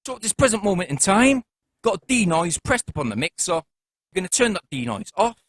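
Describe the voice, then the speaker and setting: A man's voice: high-pitched, very animated, brisk, fairly bright tone. Upbeat man reviewing gear. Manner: chatty, upbeat, jokey. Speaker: product reviewer. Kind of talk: casual product review.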